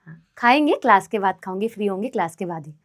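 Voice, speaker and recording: A woman's voice: medium pitch, expressive, fast talker. A woman teacher giving an online class lecture, explaining step by step, mixing in English terms and checking in with students often. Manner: chatty, addresses students as "मेरे भाई".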